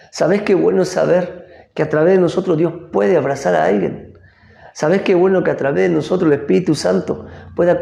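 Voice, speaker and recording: A man's voice: fairly high pitch, vocal fry, mellow. A middle-aged man with an Argentine Rioplatense accent giving an earnest devotional sermon as pastor, repeating phrases for emphasis. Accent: Argentine Rioplatense Spanish. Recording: echoey room.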